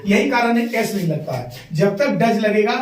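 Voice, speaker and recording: Guy teaching english grammar, really high voice, echoey room, kinda far from the mic. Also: expressive, moderate pace, slight background noise. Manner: explains step by step, repeating key words and asking learners to follow. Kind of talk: classroom grammar lesson.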